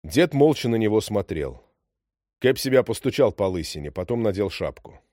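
A man reading a story aloud, his voice moving lively between high and low. The recording is dry and close, with no room sound. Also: normal speed, no room sound. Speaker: narrator. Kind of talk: audiobook narration.

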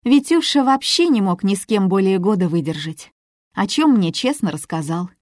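Woman doing a defensive young woman, higher, earnest, dry sound. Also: sing-song, moderate pace, a little mellow, no echo, lightly acted.

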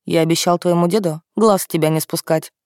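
A woman's voice: on the low side, fairly even intonation, brisk, a little mellow, no echo, studio quality, lightly acted. Woman voicing a confident young lover. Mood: tender. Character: young man, teasing and tender lover.

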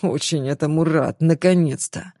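A woman voicing an arrogant young man in an audiobook, speaking low, quiet and mocking. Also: moderate pace, no room sound, studio quality.

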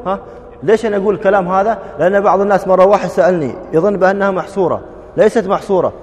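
A man teaching a grammar class, drilling students with quick questions and repeated verb forms. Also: sits high, darkish tone, big-room sound.

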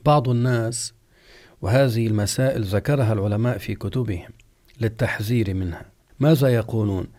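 Measured man teaching religious law. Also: fairly low pitch, darkish tone. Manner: slow, deliberate explanation, stretching out example words. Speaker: Islamic scholar teaching jurisprudence. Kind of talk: religious lesson, question-and-answer.

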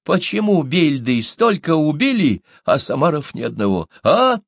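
A man's voice: on the high side, sing-song, normal speed, no echo, pitched above the performer's own voice. A man voicing a lanky, evasive villager who placates and argues back. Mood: placating.

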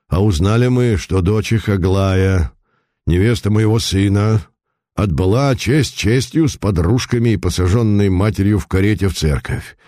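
A man voicing an old millionaire merchant who talks in a low grumble. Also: moderate pace, dark tone, no echo, studio quality, close to an everyday voice. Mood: grumbling. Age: older.

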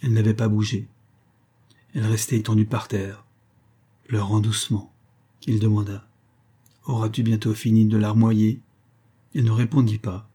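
Low husky male audiobook narrator. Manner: measured, expressive storytelling.

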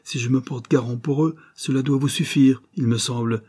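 Guy voicing a nervous fussy gentleman, uneasy and puzzled, kinda husky low-key voice. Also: fairly even intonation, normal speed, lightly acted. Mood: indignant. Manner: nervous, perplexed. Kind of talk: audiobook character voice.

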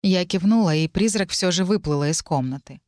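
A woman narrating a first-person fantasy audiobook in an even, measured storytelling manner. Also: lowish voice, dry recording, studio quality.

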